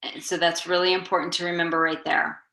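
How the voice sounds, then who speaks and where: A woman's voice: on the low side, flat delivery, fast, gravelly, pushed and bright, echoey room, a little hiss or hum, rough recording. A woman giving a sales training talk, coaching her listeners in a conversational way and acting out sample lines. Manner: coaching, conversational, demonstrates scripts aloud. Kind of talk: training presentation.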